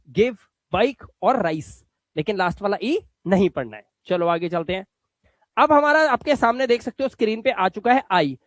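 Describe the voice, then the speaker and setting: A man's voice: high voice, dry recording. A man teaching English phonics in a spoken lesson, patiently repeating rules and stretching out example words, often checking that the learners follow. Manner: coaxing, checks understanding often.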